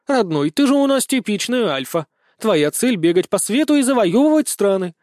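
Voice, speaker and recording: A man's voice: sits high, sing-song, darkish tone, no room sound, clean studio sound, voice pushed up. Man doing a stern aristocratic mother. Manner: stern, measured and condescending. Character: strict, commanding aristocratic mother. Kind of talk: audiobook character voice.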